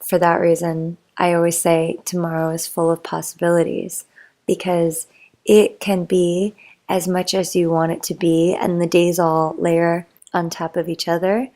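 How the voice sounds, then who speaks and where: Low gravelly-voiced woman rambling softly. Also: level tone, unhurried. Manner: meandering, motivational, chatty with fillers. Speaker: bedtime talk creator. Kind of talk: rambling sleep-aid monologue.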